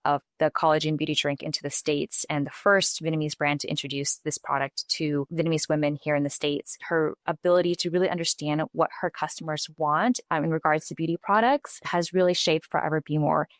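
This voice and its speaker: A woman's voice: sits low, steady tone, a little fast, hardly any pauses, dry recording, clean studio sound. A woman in her thirties, a company president, telling her story in a composed interview answer. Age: 30s.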